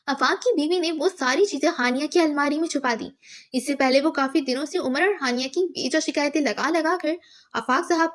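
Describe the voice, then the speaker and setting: A woman reading a novel aloud as an audiobook narrator, steady and measured. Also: high-pitched.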